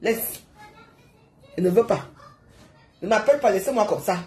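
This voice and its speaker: A woman, hosting a heated live stream and scolding her viewers with rapid rhetorical questions. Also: mid-range voice, lively intonation, a little mellow, reverberant.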